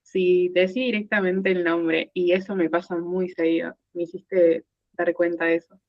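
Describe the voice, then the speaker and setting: Estudiante de córdoba hablando suelta, acento cordobés, sonido seco y apagado. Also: female voice, fairly low pitch, flat delivery, moderate pace, no echo, muffled recording. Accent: Cordobés Spanish. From Córdoba, Argentina. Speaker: student. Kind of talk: class discussion.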